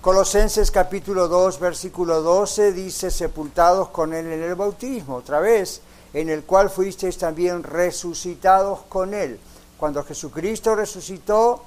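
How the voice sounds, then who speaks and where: High-voiced emphatic male preacher. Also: a little mellow. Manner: emphatic, rhetorical questions, mimics doubters. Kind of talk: radio sermon.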